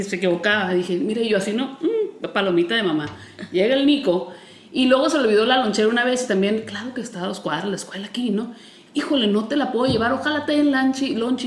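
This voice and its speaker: A Mexican woman in her forties tells stories about her kids in a casual chat, slipping into the voices of the people she quotes. Her voice sits in the middle range. The room behind her is echoey. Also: medium pitch. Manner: animated storytelling, acting out quotes.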